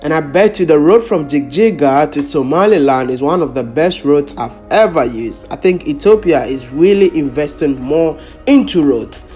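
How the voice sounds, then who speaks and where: A man's voice: on the high side, lively intonation, normal speed, darkish tone, soft background music. A man from Ghana vlogging his travels in an upbeat, chatty way, full of curious questions. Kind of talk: casual travel vlog narration.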